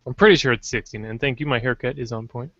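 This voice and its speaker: A man's voice: mid-range voice, fairly even intonation, quick pace, a bit bright, no echo. A man hosting a casual podcast, joking and rambling as he tries out silly intros. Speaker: podcast host. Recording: dull lo-fi dry sound.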